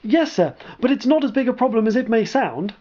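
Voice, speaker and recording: A man's voice: extremely high pitch, big pitch swings, a little fast, darkish tone, pitched above the performer's own voice, heavily acted. A man voicing a young, nervous male army lieutenant who speaks politely and hesitantly, eager to please, in a dull lo-fi recording.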